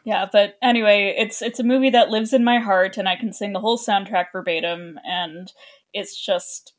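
A woman's voice: mid-range voice, steady tone, normal speed. A woman co-hosting a podcast, giving eager, upbeat opinions about a film. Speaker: podcast co-host. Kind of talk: casual film discussion.

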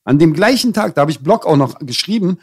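A man from tells stories as a guest. His talk is loose and full of street slang, and his voice sits a little higher than most men's. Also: expressive, fast talker, darkish tone, slightly rough. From Berlin. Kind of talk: casual storytelling chat.

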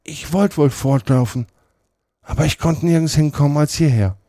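A man reading aloud and voicing a frightened accused vagabond who sobs in a high, wailing falsetto. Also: a little slow, a little mellow, slightly rough, dry recording, clean studio sound, exaggerated voice. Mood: sobbing despair.

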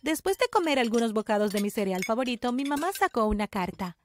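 High-voiced woman telling a dramatic story. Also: expressive, fast talker, a little hiss or hum. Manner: dramatic, emotional delivery. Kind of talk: scripted first-person story narration.

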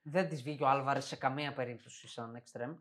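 A man's voice: medium pitch, steady tone, fairly bright tone. A man co-hosting a casual football podcast, giving blunt opinions. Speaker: podcast co-host.

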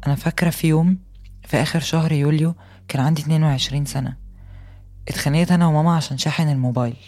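A woman's voice: deep voice, fairly even intonation, racing, a little mellow, soft background music. A woman with an Egyptian Arabic accent, voicing a young woman in her twenties who earnestly recounts a harsh mother in scripted first-person podcast narration. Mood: sorrowful. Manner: earnest and intimate storytelling, rising to agitation in retold fights. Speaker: voice actor reading a personal testimony.

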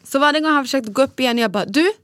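En kvinna som poddar i lättsamt samtal och livligt spelar upp repliker när hon berättar. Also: female voice, sits high, a crowd in the background. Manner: lively storytelling, acts out quotes. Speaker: podcast co-host. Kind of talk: casual chat.

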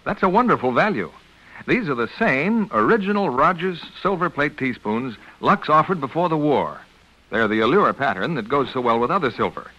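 A man working as a radio announcer, with a clear, formal announcer delivery, heard as an old radio broadcast. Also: medium pitch, animated, moderate pace, pushed and bright, dull audio. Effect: old radio broadcast sound.

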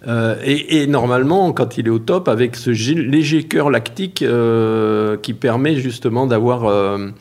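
A man being interviewed about his work as a cheesemaker, explaining slowly and carefully with many hesitations. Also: medium pitch, a little mellow. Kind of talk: casual spoken interview.

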